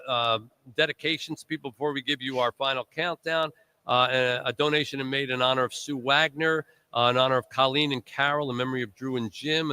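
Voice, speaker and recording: A man's voice: mid-range voice, pushed and bright, clear, resonant tone, dry recording. A man hosting a live charity radiothon, rambling through long thank-you lists with joking asides, his voice worn from recent illness. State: recovering from illness, voice strained. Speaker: radiothon host.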